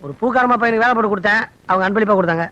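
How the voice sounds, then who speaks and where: A joking, easygoing dad. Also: male voice, high voice, very fast, sharp tone, muffled recording. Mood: teasing. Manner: teasing and playful. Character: easygoing joking father who spoils his son. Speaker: father. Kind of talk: film comedy scene acting.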